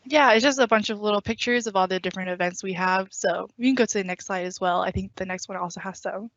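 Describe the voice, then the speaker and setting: A woman student organizer giving a casual virtual orientation presentation, trailing off softly and cueing slides. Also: medium pitch, quick pace, no echo. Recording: dry, dull lo-fi call audio.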